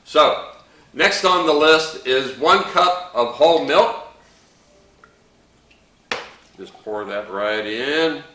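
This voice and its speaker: A man's voice: a little high, animated, takes it slowly, sharp tone, reverberant, recorded from a distance, a little hiss or hum, poor audio. A man hosting a home bar show, walking through a drink recipe in a folksy, chatty way with playful pirate slang. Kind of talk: casual drink-making tutorial.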